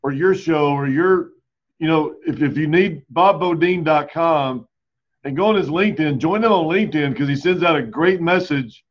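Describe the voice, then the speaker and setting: Man, host, halting appreciative talk, muffled lo-fi recording. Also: on the high side. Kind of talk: casual interview talk. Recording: dull lo-fi sound.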